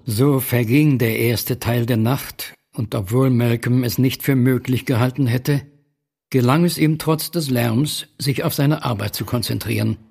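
An actor as the narrator of a German horror radio drama, telling the story in a measured, solemn manner. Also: male voice, mid-range voice, fairly even intonation, vocal fry, darkish tone, breathy edge.

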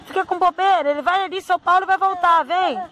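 Very high-voiced woman coaxing her child. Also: fairly even intonation, fast. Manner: coaxing and pleading, often calling out loudly. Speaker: mother filming her son. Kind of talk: home video, talking to her child and viewers. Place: outdoors in the rain. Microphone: handheld phone. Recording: noisy outdoor phone recording.

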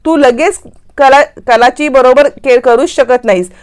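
A stern elderly patriarch who lectures and scolds his family with firmness, spoken by a woman retelling the scene. The voice sits a little high, and the delivery stays plain and firm. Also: normal speed, lightly acted. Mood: scolding.

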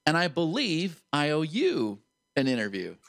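A man hosting a casual interview, brisk and upbeat, quick to agree with his guest. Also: fairly high pitch, wildly swooping pitch, fairly bright tone. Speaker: interview host.

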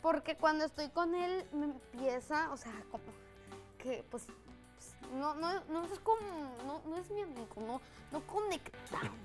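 A woman's voice: high voice, animated, moderate pace, over music. A woman voicing a hesitant young schoolboy on a children's TV show. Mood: sulky. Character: sulky young schoolboy named Alex. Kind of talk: children's TV character acting.

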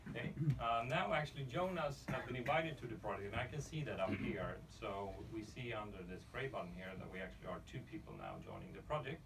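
A middle-aged man, a native Swedish speaker, casually explaining a live software demo at a tech meetup, thinking aloud as he goes. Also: on the low side, lively intonation, quick pace, hardly any pauses, noisy background. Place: dark conference room with a projection screen. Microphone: far camera in the audience. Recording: distant audience recording with loud music.

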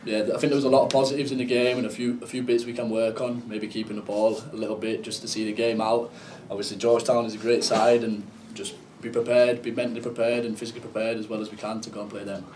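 A young adult man, a team captain, giving brisk, plain answers at a press conference in an indoor room. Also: lowish voice, little pitch movement, darkish tone, recorded from a distance, a little hiss or hum, poor audio. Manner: brisk, plain short sentences.

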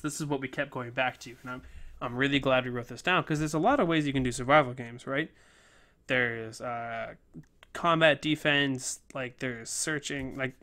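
A game design student, a young man, chats casually about his class game project in a development-log style, rambling with plenty of fillers and restarts. His voice is medium-pitched with a sharp tone, and he sounds a little out of breath.

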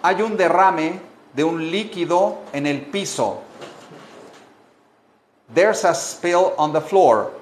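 Slow, patient male English teacher. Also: sits high. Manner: repeats phrases slowly, explains in Spanish. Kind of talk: bilingual language lesson. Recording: echoey room.

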